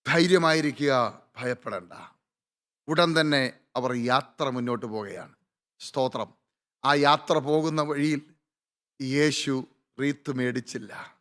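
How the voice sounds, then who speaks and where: A man preaching a sermon as a pastor, dramatic, with slow drawn-out emphasis and frequent interjections of praise. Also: on the high side, a bit bright.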